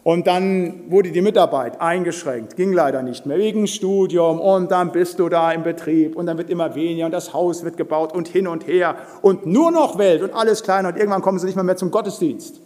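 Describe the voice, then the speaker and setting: Forceful high-voiced older preacher in a hall. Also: male voice, brisk, few pauses. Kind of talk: sermon. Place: church hall.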